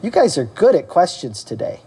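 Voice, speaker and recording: A male pastor preaching a sermon to his church, animated, questioning the congregation and calling for amens. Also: moderate pace, breathy edge. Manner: animated preaching, acting out quoted voices with rising pitch. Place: church service.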